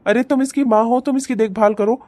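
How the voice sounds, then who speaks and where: A woman's voice: on the high side, steady tone, fairly quick, a little mellow, no echo, close to an everyday voice. A woman voicing a young husband in a cartoon, firm and reasoning in the way he talks. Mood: stern. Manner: stern, then reasoning. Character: young husband, bossy at first, then calm.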